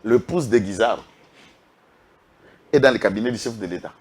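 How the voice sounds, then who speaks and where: A man with a Congolese French accent delivers impassioned political commentary in a lowish, husky voice at normal speed. He is emphatic, full of rhetorical questions, and lists names with a repeated "est qui?".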